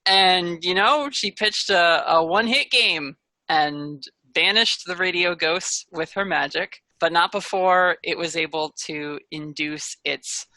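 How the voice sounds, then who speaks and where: A game master recapping and running a tabletop adventure in a casual, conversational way. The voice is bright with a gravelly creak, recorded close and dry. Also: mid-range voice, no echo, rough recording. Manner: casual and conversational, slipping between recap and banter. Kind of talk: narrating a tabletop role-playing game.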